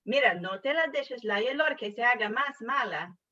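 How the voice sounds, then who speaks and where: A woman's voice: fairly high pitch, animated, moderate pace, bright, forceful tone. A woman reading the part of a worried, scolding mother calling her son in a scripted dialogue. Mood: nagging. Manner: scolding, nagging, full of complaints. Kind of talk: read-aloud scripted dialogue. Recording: far from mic, dull lo-fi sound.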